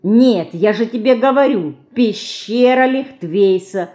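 A woman reading an audiobook, voicing a lively, stubborn little girl who pleads and bosses. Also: fairly high pitch, slow pace, voice pushed up. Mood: eager. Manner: eager, pleading, bossy.

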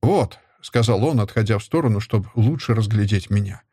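A man narrating a story in the first person, steady and even. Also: on the low side, quick pace, husky, no room sound, clean studio sound. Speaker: audiobook narrator. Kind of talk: scripted narration.

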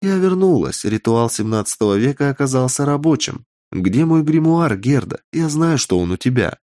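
A man's voice: medium pitch, lively intonation, normal speed, warm tone, no room sound, studio quality, pitched above the performer's own voice, lightly acted. A man voicing an imperious, ambitious witch who speaks coldly and commandingly, in a raised voice. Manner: cold, commanding, menacing.

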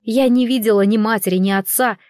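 A woman's voice: a little high, fairly even intonation, brisk, a little mellow, dry recording, clean studio sound. Woman reading a wry fantasy story. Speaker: audiobook reader. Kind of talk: first-person fantasy audiobook narration.

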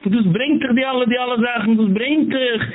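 A man giving a rabbi's sermon lecture, chanting in repetitive, drawn-out phrases. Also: extremely high pitch. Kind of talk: Yiddish-laced sermon lecture. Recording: tinny phone-line audio with hiss.

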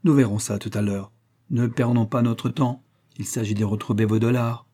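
A man's voice: mid-range voice, fairly even intonation, moderate pace, mellow, close to an everyday voice. A man reading an audiobook, voicing a cocky young Parisian street lad who talks in a boastful, slangy way.

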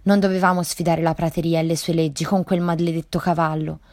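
A woman voicing a shaken cowboy speaking gravely and with regret in a read-aloud story. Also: low-pitched, little pitch movement, fairly quick, darkish tone, no room sound, clean studio sound. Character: shaken grim cowboy man.

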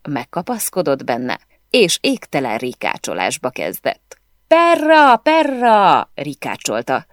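Female audiobook reader, low and lively delivery, dry studio sound. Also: dry recording. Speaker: audiobook narrator. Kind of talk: scripted first-person audiobook narration.

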